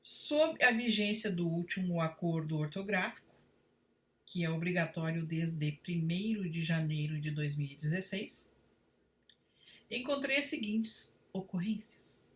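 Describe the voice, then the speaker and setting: Slow, deliberate woman teaching grammar. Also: fairly low pitch, far from the mic. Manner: slow, deliberate, spells out rules word by word. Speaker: Portuguese writing teacher. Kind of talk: read-aloud grammar lesson.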